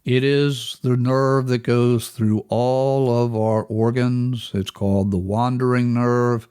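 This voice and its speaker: Very slow-paced man guiding a breathing exercise. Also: medium pitch, level tone, darkish tone, clear, resonant tone. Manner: measured, instructional, counting out steps. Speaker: relaxation and breathing instructor, host. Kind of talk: guided breathing lesson.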